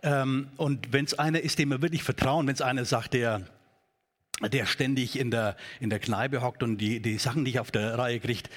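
A man preaching a sermon in a church, talking in a conversational, halting way with many fillers. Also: mid-range voice. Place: church hall.

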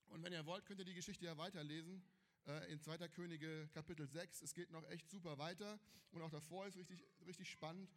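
A man preaching a casual youth sermon with lively storytelling and slangy exclamations, his voice a little strained. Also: high voice.

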